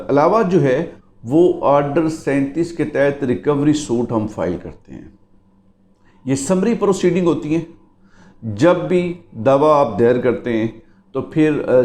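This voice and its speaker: A man, speaking as a lawyer in a lecture. His voice is mellow and unhurried, and he walks through each point patiently, again and again reminding listeners what to remember. The sound carries a noticeable room echo. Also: medium pitch. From Pakistan. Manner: explanatory, keeps repeating "remember". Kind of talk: legal lecture.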